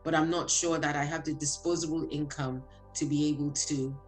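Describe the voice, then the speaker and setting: Low-voiced reflective woman. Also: fairly even intonation, normal speed, soft background music. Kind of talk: discussion.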